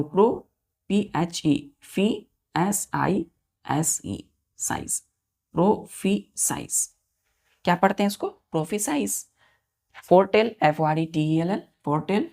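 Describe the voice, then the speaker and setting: A woman teaching English vocabulary with a low-set, gravelly voice. She spells each word out slowly, letter by letter, and keeps repeating the meaning and asking whether it is clear. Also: darkish tone. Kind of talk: vocabulary lesson for students.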